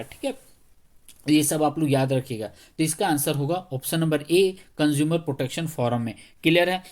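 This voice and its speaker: A male teacher, a little under the weather, talking slowly through exam questions in a conversational way and often checking whether students follow. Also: on the high side, a little mellow. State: slightly unwell, speaking slowly.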